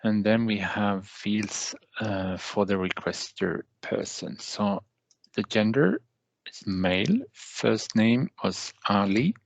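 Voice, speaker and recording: A man with a voice on the low side narrates a step-by-step software tutorial as a trainer, phrasing things haltingly and deliberately with hesitant pauses. His voice is creaky, and the recording quality is low.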